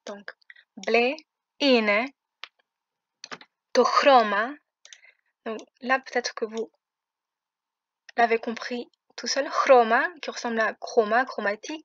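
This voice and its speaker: A woman's voice: a little high, steady tone, normal speed, a bit bright, no echo. A woman teaching a language lesson, patiently explaining pronunciation step by step. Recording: muffled, dry close recording.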